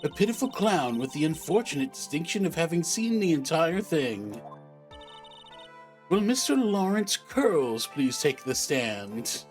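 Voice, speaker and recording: A man's voice: on the high side, sing-song, a little slow, soft background music. A man voicing a haughty young female prosecutor who speaks in a clipped, condescending way.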